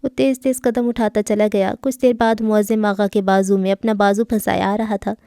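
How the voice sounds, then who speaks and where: A woman narrating a novel as an audiobook, reading smoothly and with expression. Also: medium pitch, little pitch movement, mellow, no echo, clean studio sound.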